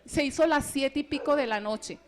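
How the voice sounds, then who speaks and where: A woman giving a personal testimony at a religious retreat, telling her story in a lively way and acting out the voices of the people in it. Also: high-pitched, normal speed. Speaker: retreat speaker.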